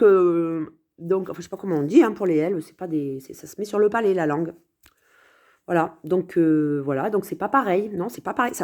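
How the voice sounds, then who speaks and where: A woman's voice: mid-range voice, a little mellow. A woman musing aloud in a casual vlog monologue, hesitant, with many fillers and restarts.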